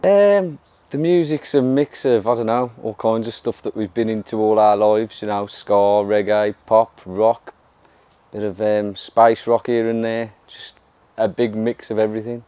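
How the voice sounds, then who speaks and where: A man with a smooth, dark, mellow voice. He tells casual anecdotes in an easy, unhurried way. The recording is dry and close. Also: fairly low pitch, steady tone, no echo. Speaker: guitarist. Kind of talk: documentary interview.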